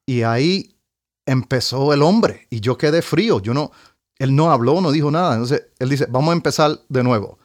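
A trumpet player tells an anecdote in casual conversation, animatedly scatting out rhythms and melodies as he goes. His medium-pitched voice moves at a moderate pace, with clean studio sound and no room sound.

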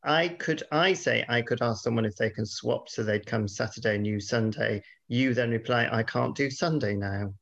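An exasperated British man in casual, bickering podcast talk. His voice has a gravelly creak, and he is quick to swear and cut in. The sound is slightly dull. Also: medium pitch, a bit bright. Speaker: podcast host.

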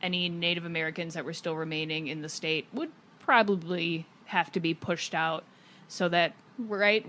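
A woman's voice: lowish voice, fairly bright tone, a little hiss or hum. A woman speaking as a panelist in an informal, analytical discussion, with conversational asides. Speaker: history panelist.

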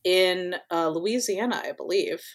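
Lady podcast host, lowish voice, rambly, lots of ums and swearing. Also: measured pace. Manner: rambling, many fillers, casual swearing. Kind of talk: casual chat.

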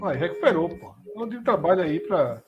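A man's voice: sits high, big pitch swings, fairly quick, narrow, tinny audio, music in the background. A man bantering casually, teasing and repeating himself in slangy speech. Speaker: panelist.

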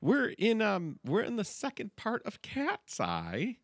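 A male podcast host with a hugely animated, up-and-down voice. He chats casually and playfully, and the sound is dry and close. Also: sits high, slow pace, dry recording. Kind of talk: casual comedic chat.

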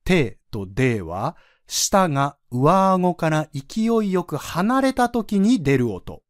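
A man's voice: on the high side, very animated, takes it slowly, no echo, clean studio sound. A man teaching French pronunciation on a podcast, patiently demonstrating sounds for listeners to repeat.

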